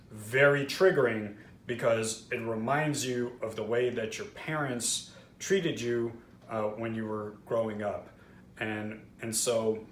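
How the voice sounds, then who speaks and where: The host of a trauma-healing channel, a man from Israel, explains earnestly to camera in a mid-range voice with a fairly bright tone. He's candid, often using fillers and restarting sentences, and the room echoes with faint background noise.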